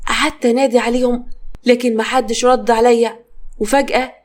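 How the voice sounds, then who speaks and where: A woman with an Egyptian accent narrating a dramatic story in a brisk, expressive way. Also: on the high side. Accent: Egyptian Arabic.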